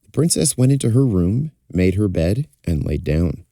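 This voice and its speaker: A man's voice: on the low side, big pitch swings, normal speed, warm tone, no room sound, clean studio sound. A man telling a folktale in a fireside storytelling style, as narrator. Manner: acts out characters' dialogue.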